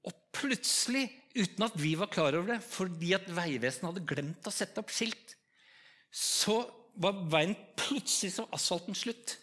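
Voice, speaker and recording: A man's voice: high-pitched, expressive, sharp tone. A man with an Eastern Norwegian accent preaching a story-driven sermon, talking conversationally and putting direct questions to his audience.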